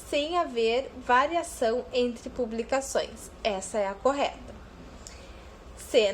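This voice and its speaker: Lady teacher going thru answers on a phone recording, high voice, keeps asking tá?. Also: slight background noise. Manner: explains patiently, often ends with "tá?" checks. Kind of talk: recorded class lesson correcting exercises.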